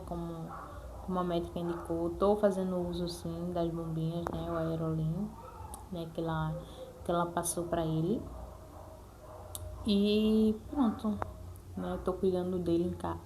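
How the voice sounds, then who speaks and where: Speaking as a mother in her vlog, this Brazilian woman shares her experience in a casual, earnest way, repeating points and tossing in frequent check-in tags. Her pitch is fairly low and her tone dark, with slight background noise.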